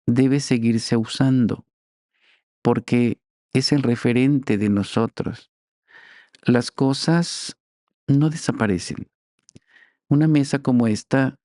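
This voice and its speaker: Slow, deliberate teacherly man. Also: mid-range voice, dark tone, dry recording, clean studio sound. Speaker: teacher interviewed as guest. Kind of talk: interview, explaining language history.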